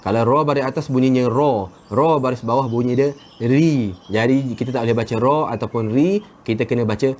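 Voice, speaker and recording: A man teaching Quran recitation in a live lesson from a garden, relaxed and chatty, drawing out example words slowly. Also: medium pitch. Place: outdoors in a garden with birdsong. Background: birdsong.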